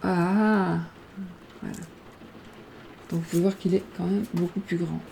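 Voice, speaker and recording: A woman's voice: lowish voice, steady tone, measured pace, gravelly, mellow, a little hiss or hum. A woman reading fortune cards aloud in a casual tutorial, hesitant and stumbling over her words. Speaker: card reader.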